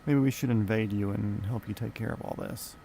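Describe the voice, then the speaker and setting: A man with a lowish, gravelly voice rambles through a casual live stream, dropping profanity in an offhand way. He sounds like he's at a desk mic in a home gaming room, with a faint noise floor underneath. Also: fairly even intonation, brisk, warm tone. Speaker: flight sim streamer.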